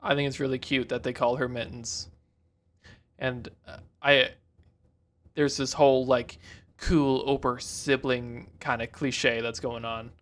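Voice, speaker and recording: Talk as a guy reacting to a cartoon episode: mid-pitched and casual, restart your sentences freely, wander off track, toss in jokes as they come. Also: little pitch movement, a little slow. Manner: rambling, self-interrupting, jokey. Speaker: reaction video host.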